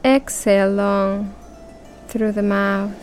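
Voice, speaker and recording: Very slow, calm woman guiding breathing. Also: mid-range voice, soft background music. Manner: slow, calm, counting aloud with long pauses. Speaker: breathing exercise guide. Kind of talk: guided relaxation script.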